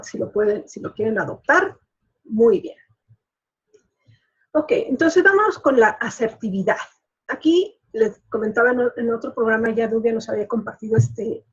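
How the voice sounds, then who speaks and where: A woman who works as a life coach hosts a show, giving casual, chatty explanations packed with fillers. Her voice is a little high with a breathy edge, captured in a dull lo-fi recording.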